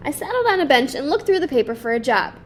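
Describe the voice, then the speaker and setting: A woman's voice: high-pitched, sing-song, fast talker, a little hiss or hum. A woman voicing a downhearted but hopeful unemployed father in a picture book, in a plain, wistful way. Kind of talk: children's picture book read-aloud.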